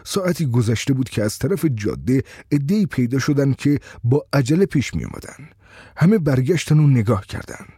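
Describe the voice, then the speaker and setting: A man reading a first-person story in a steady, conversational storytelling way. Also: mid-range voice, husky, no echo, clean studio sound.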